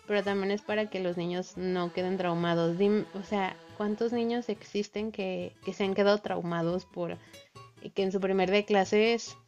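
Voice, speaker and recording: A woman's voice: fairly low pitch, darkish tone. A young woman with a Mexican accent, casually telling a story to her viewers, swearing and laughing as she goes. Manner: chatty, swears casually, laughs often, acts out voices. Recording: slightly muffled lo-fi recording with faint music.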